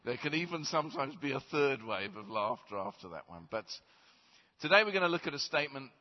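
A man's voice: medium pitch, sing-song, brisk. A man preaching a sermon in a large church on a headset mic, chatty and self-deprecating. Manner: self-deprecating, conversational storyteller. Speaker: guest preacher. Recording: roomy church reverb, slightly dull.

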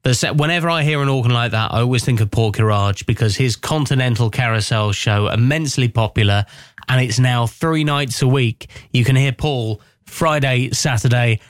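Male radio presenter, conversational and casual, medium pitch, very little room sound. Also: moderate pace, dry recording, studio quality. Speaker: radio host.

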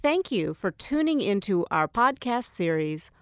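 A woman's voice: mid-range voice, sing-song, unhurried. A woman hosting a podcast, giving a polished scripted introduction and asking questions. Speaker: podcast host. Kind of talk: podcast interview host.

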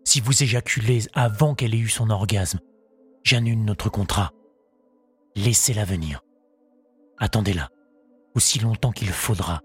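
A man's voice: on the low side, unhurried, long pauses, a bit bright, slightly rough, faint music behind, full character voice. A man voicing a commanding, scornful aristocratic baron in an audiobook, giving orders in an imperious, scolding tone. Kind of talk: audiobook character voice.

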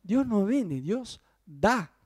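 A middle-aged man with a Rioplatense Spanish accent, preaching a sermon full of personal stories, animated and joking, often checking whether the congregation follows. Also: high-pitched, very slow, husky. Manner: animated, jokey, asks the congregation if they follow. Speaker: pastor.

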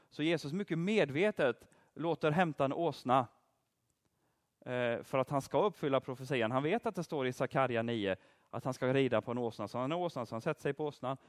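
A man giving an interactive Bible teaching, quizzing his listeners and praising their answers. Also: fairly high pitch. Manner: lively, asks the audience questions and praises answers. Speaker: preacher teaching a group.

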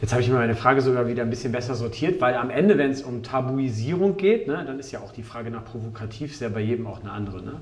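A man's voice: mid-range voice, quick pace, hardly any pauses. Male host, long rambling questions; distant, echoey room. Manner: long winding questions with restarts. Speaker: podcast host. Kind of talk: casual podcast interview.

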